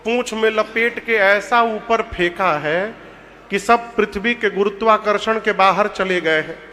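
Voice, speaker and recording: A man with a Bhojpuri-tinged Hindi accent giving a humorous devotional sermon, telling rustic, joking stories in a lively way, recorded in a reverberant hall with music behind. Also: high-pitched, measured pace. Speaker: religious storyteller.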